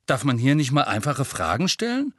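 Man voicing a blunt teen schoolboy, audiobook, raised pitch, indignant, dry close sound. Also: wildly swooping pitch, normal speed, a bit bright, no room sound. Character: blunt, tactless teenage schoolboy.

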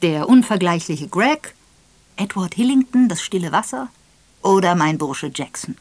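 A woman voicing a gruff, impatient, wealthy old invalid man who talks loudly and quickly in an audiobook. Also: fairly low pitch, expressive, dry recording. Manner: brusque, loud and quick.

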